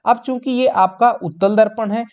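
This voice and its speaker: A man's voice: high voice, fairly even intonation, normal speed, darkish tone, clean tone, muffled recording. A man teaching a tenth-grade science exam lesson, calling his students children and answering his own questions as he works through each step. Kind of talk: exam-prep board lesson.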